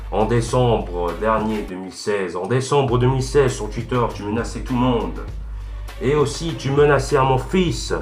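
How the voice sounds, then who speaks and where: Brief: man doing a rambling, insulting Darth Vader who keeps tripping over his words, mid-pitched voice, echoey room. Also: natural voice. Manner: rambling insulting rant, stumbling with fillers. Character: ranting Darth Vader parody, menacing protective father. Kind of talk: clash video rant.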